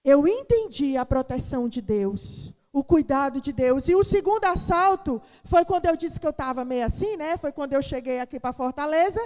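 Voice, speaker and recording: A woman's voice: high-pitched, lively intonation, moderate pace, hardly any pauses, a little mellow. A middle-aged woman pastor from Brazil giving a sermon testimony, telling her story dramatically and acting out the voices of the people in it. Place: church. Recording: long hall reverb.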